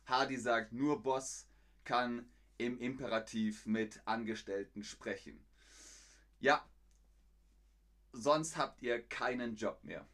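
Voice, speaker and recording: A man teaching German on a live stream, speaking slowly in short, simple phrases for learners, reading chat messages aloud and barking loud example commands. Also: mid-range voice. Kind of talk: live-stream language lesson.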